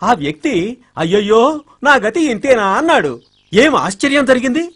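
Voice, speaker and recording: An actor playing a humble gardener who tells a child an earnest folk tale in a comedic film scene. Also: male voice, extremely high pitch, big pitch swings, normal speed, fairly bright tone, slightly rough, full character voice. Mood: earnest telling. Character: meek, earnest village gardener storyteller. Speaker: gardener telling a story.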